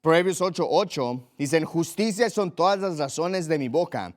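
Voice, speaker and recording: A young man preaching a sermon with a somewhat high voice for a man. He drives his points home, repeating short phrases for emphasis and slowing down to read scripture aloud. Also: lively intonation. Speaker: pastor.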